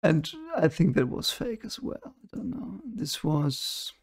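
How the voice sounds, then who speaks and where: A young man talks over clips at his desk, his voice gravelly and sitting a bit high for a man. His commentary is casual and skeptical, dismissing what he sees as fake and stopping now and then to search for a word. He speaks close to a desk microphone. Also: big pitch swings, takes it slowly. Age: young adult. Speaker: reaction video host. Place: home room at a desk. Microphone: desk microphone in front of him.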